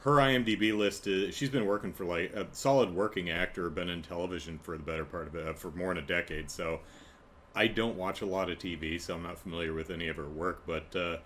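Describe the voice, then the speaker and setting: A man with a fairly low voice talks through an episode recap in a loose, casual way. He rambles, fills gaps with ums and uhs, and chuckles at his own asides. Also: fairly even intonation, fast talker, a bit bright, slight background noise. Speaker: TV episode reviewer.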